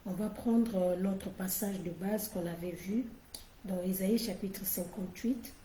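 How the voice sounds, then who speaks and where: Woman preacher, mellow warm voice, roomy echo, light hiss. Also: medium pitch, a little slow. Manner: affirming, responsive. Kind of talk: sermon.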